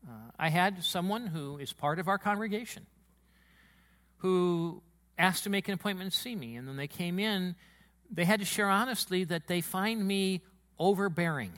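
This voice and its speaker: A pastor delivers a sermon to his congregation from the church sanctuary. His booming voice is high, bright and forceful. Emotion runs through his delivery, and he's quick to get worked up.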